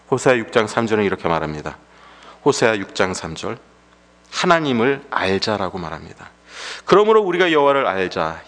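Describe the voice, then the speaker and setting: A male pastor preaching a sermon. He asks rhetorical questions, repeats his points, and swings between raised, emphatic lines and hushed drops. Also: deep voice. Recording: long reverb of a large hall.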